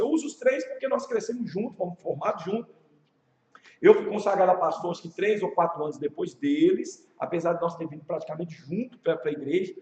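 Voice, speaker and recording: A man with a Brazilian Portuguese accent, a pastor teaching a leadership class in a casual, animated storytelling way, asking his class rhetorical questions. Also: high voice. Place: church classroom. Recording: echoey room, muffled sound.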